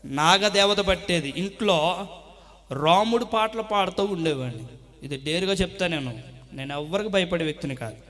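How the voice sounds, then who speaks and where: High-voiced impassioned male preacher. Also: animated, moderate pace. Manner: impassioned, swings from hushed to loud exclamations. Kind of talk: sermon. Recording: echoey hall reverb.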